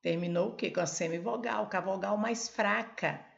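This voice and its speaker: A woman teaches a Portuguese grammar lesson at a board at a moderate pace, her medium-pitched voice creaky and the recording muffled. She explains step by step, pointing things out with frequent "olha" and "ó" prompts.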